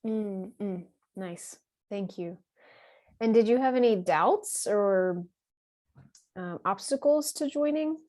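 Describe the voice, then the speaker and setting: A woman's voice: mid-range voice, lively intonation, slow, long pauses, darkish tone. Woman hosting an interview. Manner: brief prompts and murmured acknowledgements. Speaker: interviewer, community host. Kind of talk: friendly interview questions.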